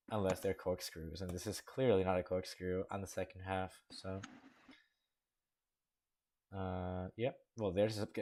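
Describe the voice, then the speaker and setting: A young man with a low, darkish voice gives casual commentary over gameplay while judging a coaster-building contest. He rambles through frank critique, filling it with lots of fillers.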